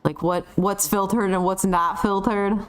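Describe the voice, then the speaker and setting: A young woman chatting on a gaming stream, meandering through her story with constant fillers. Her voice sits at a middle pitch and sounds relaxed and informal. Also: measured pace, smooth. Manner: rambling, heavy on fillers like "like". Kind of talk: casual storytelling while gaming.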